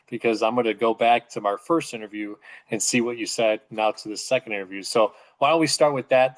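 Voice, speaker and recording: Male host, mid pitch, upbeat and chatty with fillers. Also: fairly bright tone, rough recording. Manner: enthusiastic, filler-heavy. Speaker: podcast host. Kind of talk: conversational podcast interview.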